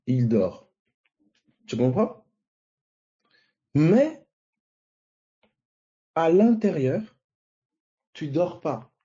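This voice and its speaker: A man preaching a sermon, teaching slowly and often asking his listeners if they see what he means. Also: mid-range voice, dark tone, slightly rough. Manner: slow, repeats and asks the listeners "vous voyez?" often. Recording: dull lo-fi recording.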